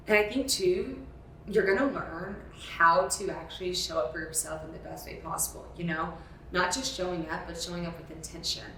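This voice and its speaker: A woman's voice: fairly low pitch, a bit bright, echoey room, recorded from a distance, slight background noise, poor audio. A woman hosting her own podcast, talking through her reflections in an earnest, emphatic way and repeating words for stress. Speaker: podcast host. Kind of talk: reflective solo podcast monologue.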